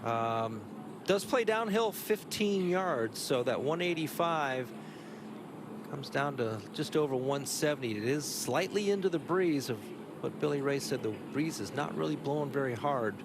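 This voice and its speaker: Lively male golf commentator, outdoor noise behind. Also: fairly high pitch, moderate pace. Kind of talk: golf commentary, reading shots and putts.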